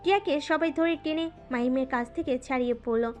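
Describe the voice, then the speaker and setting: Female narrator for a romance audio story, high and smooth over faint music. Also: a little fast, darkish tone.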